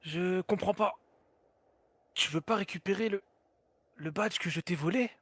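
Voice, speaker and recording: A man voicing a bewildered, defiant young boy hero in an anime dub, with a husky, strained voice. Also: sits high, a little slow, fairly bright tone, dry recording. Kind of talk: amateur anime dub parody.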